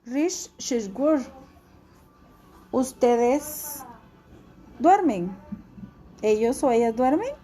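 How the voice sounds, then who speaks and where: A woman's voice: sits high, animated, very slow, pauses often, mellow. A woman teacher giving a classroom language lesson, patiently repeating each verb form for her students.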